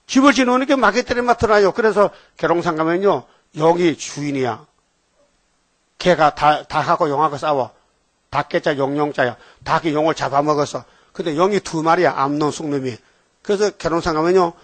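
A man's voice: a little high, dry recording. A man preaching a sermon, emphatically prompting the congregation. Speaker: pastor.

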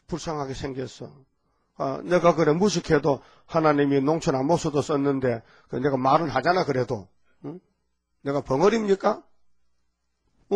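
Here an older Gyeongsang-accented pastor, his voice a bit high and slightly rough, delivers a folksy, meandering sermon. Call-and-response asides to the congregation come up again and again.

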